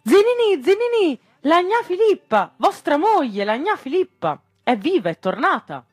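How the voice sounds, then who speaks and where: A man shouting as a crowd of excited sailors. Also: normal speed, no room sound, clean studio sound. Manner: shouting from afar, high and excited.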